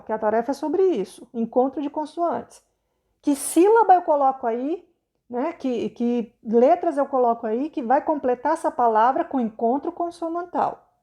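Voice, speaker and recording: A Brazilian woman teacher explaining a lesson to children patiently, sounding words out slowly and checking understanding often. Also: high voice, mellow. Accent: Brazilian Portuguese.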